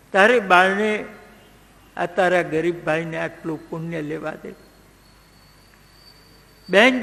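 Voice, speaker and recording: A man voicing the god Krishna, humble and softly pleading with his sister. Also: high-pitched, creaky, in a large hall, full character voice.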